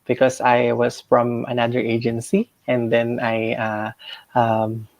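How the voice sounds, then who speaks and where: A man's voice: mid-range voice, completely flat delivery, dry recording. A man from the Philippines with a Filipino accent, answering interview questions in a hesitant way. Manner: hesitant, many uh pauses. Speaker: nurse guest.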